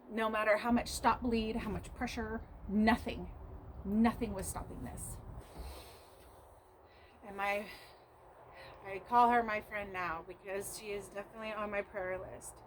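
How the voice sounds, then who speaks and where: A woman's voice: medium pitch, slight background noise, rough recording. A woman homesteader telling her vlog audience, shaken and earnest, about a frightening mishap, often speaking of God and prayer. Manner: shaken, earnest retelling of a scare. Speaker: homesteader vlogger. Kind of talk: emotional storytelling to camera.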